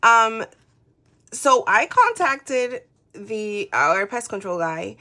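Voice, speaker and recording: A woman chats casually to her viewers in a bright voice and tells her story in an animated way. She stops now and then to count softly under her breath, then picks the story back up. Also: a little high, takes it slowly. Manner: animated, gets worked up retelling events; counts aloud softly between story parts. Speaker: budgeting vlogger. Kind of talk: casual storytelling while doing a cash-savings challenge.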